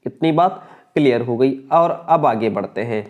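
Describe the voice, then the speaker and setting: A man's voice: mid-range voice, expressive, moderate pace, lo-fi sound. A male teacher giving an exam-prep grammar lesson. He keeps asking his students questions, answers them himself and repeats each key point.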